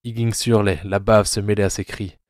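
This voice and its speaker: A man narrating an audio drama in a grave, measured way. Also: lowish voice, level tone, no room sound, studio quality.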